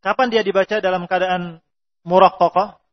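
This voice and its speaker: A man teaching Quran recitation rules, reading Arabic lines slowly and explaining them, with drawn-out pronunciation examples. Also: high voice, level tone. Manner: reads Arabic text slowly, then explains in Indonesian. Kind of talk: explaining tajweed rules from a text. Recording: dull lo-fi recording.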